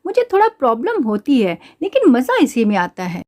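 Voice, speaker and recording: A woman's voice: on the high side, wildly swooping pitch, brisk, darkish tone, pitched below the performer's own voice. A woman voicing a playful, cheeky little girl doll in a doll play story, talking in a sing-song, boastful way.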